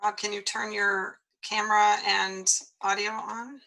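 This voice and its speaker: A woman moderating an online event and calling on participants, speaking in an unhurried, halting way. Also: mid-range voice, little pitch movement, creaky, pushed and bright, rough recording.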